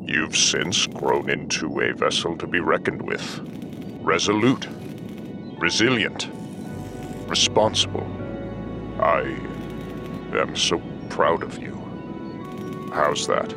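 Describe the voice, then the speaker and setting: A man voicing a stern, humorless but loyal warship admiral in an audio drama, speaking in a formal, pompous, deliberate way. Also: a bass voice, gravelly, music in the background, full character voice. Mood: proud, deadpan. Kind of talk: audio fiction drama acting.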